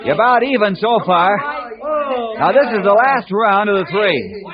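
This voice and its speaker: Ranger Bill, high, commanding referee. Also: male voice, expressive. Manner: loud, deliberate announcing. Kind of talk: old-time radio drama acting. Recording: dull old radio, noisy crowd.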